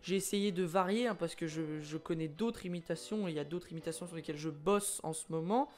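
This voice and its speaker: A man's voice: a little high, fairly quick, a little mellow, faint music behind. A man chatting casually to his viewers as he wraps up his video, rambling a little and adding crude jokes. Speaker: YouTuber.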